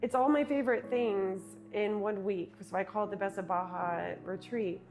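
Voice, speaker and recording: A woman speaking as an interview guest, reflecting earnestly on her work as a speaker and retreat host, sometimes speeding up and sometimes slowing down. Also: mid-range voice, a little mellow, soft background music. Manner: earnest, with quick and slow stretches, laughs easily.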